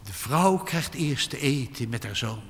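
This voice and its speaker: Male preacher, bright and animated, long hall echo; emphatic sermon delivery. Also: a little slow. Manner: emphatic, rising to loud high exclamations.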